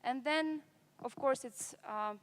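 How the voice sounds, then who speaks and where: A woman from Latvia presents at a conference, her voice sitting a bit high. She talks chattily with plenty of fillers and a self-deprecating touch, speaking from a stage. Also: takes it slowly. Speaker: conference speaker from a government agency.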